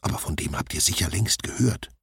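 A man's voice: extremely low pitch, animated, fairly quick, vocal fry, a bit bright, husky, dry recording, studio quality, heavily acted. A man voicing a chatty, gossiping female shopkeeper in a children's storybook who talks on and on. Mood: gossipy.

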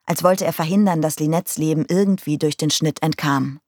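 Low-pitched woman narrating a crime story, calm and steady, dry recording. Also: brisk, dry recording. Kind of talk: audiobook reading of a crime novel.

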